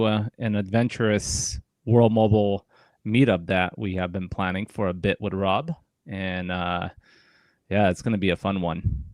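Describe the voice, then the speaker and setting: A man hosting a casual community show, talking in a relaxed way with lots of fillers. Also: low voice, no echo. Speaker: host. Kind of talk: casual chat.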